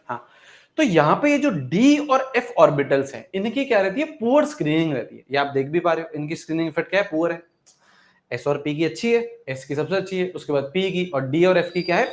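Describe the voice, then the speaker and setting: A man teaching an exam-prep chemistry lesson, repeating questions to his students and calling them 'beta'. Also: a little high.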